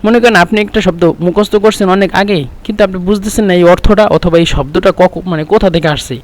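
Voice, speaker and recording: Male language teacher, slightly high voice, chatty and patient, drills words slowly. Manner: explains patiently, repeats phrases slowly to drill pronunciation. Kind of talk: casual spoken lesson.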